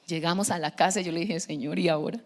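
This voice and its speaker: A woman's voice: lowish voice, steady tone, fast. A woman pastor, preaching a sermon and acting out the dialogue of the stories she tells. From Colombia. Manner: storytelling with acted-out dialogue, laughing at her own story. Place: large church hall. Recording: long church-hall reverb.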